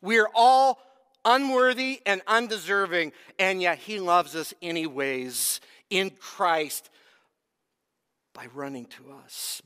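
An earnest male pastor preaches in a church sanctuary, building to emphatic peaks and then falling to near whispers. His voice is fairly high and bright, and a long reverb rings through the hall. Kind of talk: sermon.

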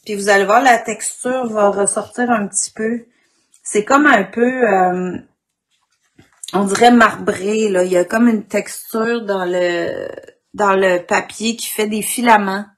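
Woman, Quebec French accent, husky morning voice, medium pitch, informal craft tutorial, frequent throat clearing. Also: steady tone, measured pace. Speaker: craft instructor. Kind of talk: informal demonstration of an art technique. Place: indoor craft worktable.

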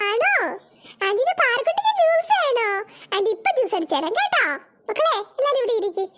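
A woman's voice: very high voice, big pitch swings, fast talker, fairly bright tone, exaggerated voice. A woman voicing a young aunt in a cartoon, who fusses over children and coaxes them along. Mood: coaxing. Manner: coaxing, fussing over children. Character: fussing, coaxing young aunt and mother. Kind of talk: cartoon voice acting.

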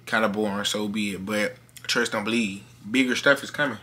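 A man's voice: lowish voice, fairly even intonation, a little fast, sharp tone. A young man chatting casually to his vlog camera at home in a bedroom, slangy and repeating his phrases. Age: young adult. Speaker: vlogger. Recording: clearly noisy background.

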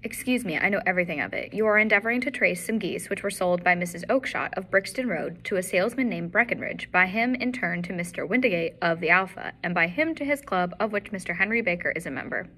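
A woman voicing a brilliant, blandly polite male detective in a story reading, smooth and courteous. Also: lowish voice, expressive, fast talker, few pauses, pushed and bright, full character voice. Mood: suave. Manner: smooth, courteous, faintly amused.

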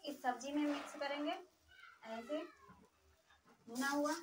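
A woman's voice: high-pitched, fairly even intonation, unhurried. A woman vlogger casually explaining each step as she cooks in a small village kitchen. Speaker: cooking vlogger. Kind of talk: casual cooking narration. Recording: distant phone audio with sizzling noise.

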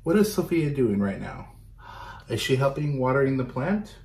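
A storytime reader with a medium-pitched, creaky, darkish voice and big pitch swings reads a picture book aloud to children. Set indoors in a small bedroom, the animated reading includes asides where he questions and explains to the young listeners.

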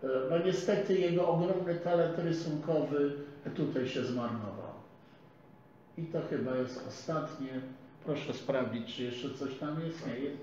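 A man's voice: fairly high pitch, dark tone. Older man lecturing in an echoey room. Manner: measured, scholarly, digressive. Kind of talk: academic lecture. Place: small lecture room with a projector screen. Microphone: far camera. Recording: echoey room, dull sound, faint hiss.

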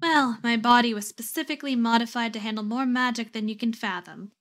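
Ancient weary goddess, aloof and languid, brightly pitched , played by a woman. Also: brisk, close to an everyday voice.

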